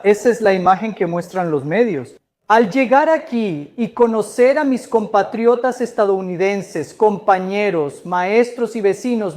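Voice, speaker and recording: A woman's voice, sitting somewhat high, delivers a dubbed talk as a guest speaker at a church gathering. She explains each point in a measured, earnest way and takes questions from the audience. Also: darkish tone.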